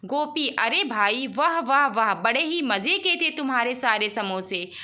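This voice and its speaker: A woman playing a cheerful, gluttonous young wife from a storybook, high and bright, gushing over food. she pleads sweetly when she is scolded. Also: animated, a little slow. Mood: greedy.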